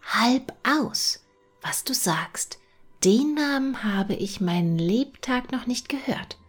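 A small, timid, naive mouse from a storybook, as a woman reading aloud puts her on, high-pitched and wondering, slow and often half-whispered. Faint music runs underneath. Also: lively intonation. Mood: puzzled.

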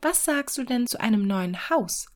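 A woman voicing a fisherman's clever, greedy wife in a fairy-tale reading, higher and livelier than her narration. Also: normal speed, lightly acted. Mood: eager, scheming. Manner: raised, eager, excited.

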